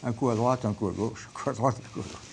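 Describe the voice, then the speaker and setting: A man's voice: medium pitch, fast, gravelly, a little hiss or hum. A man speaking animatedly in a documentary interview.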